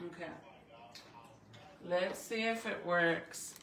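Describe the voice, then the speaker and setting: A woman's voice: on the low side, slow pace, fairly bright tone. A woman chatting casually and informally to viewers as a vlogger, thinking aloud in a rambling way, her speech slightly impeded by a retainer in her mouth. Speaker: vlogger showing crafts and baking.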